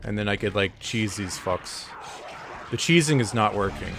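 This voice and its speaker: A man streaming a game live, commenting excitably, swearing and talking to his chat. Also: fairly low pitch, moderate pace, music in the background. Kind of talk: live let's-play commentary.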